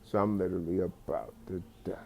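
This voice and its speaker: A man's voice: deep voice, steady tone, a little fast, vocal fry, dark tone. A man telling a comic story in a rambling way, with many fillers and restarts. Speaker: comedic storyteller.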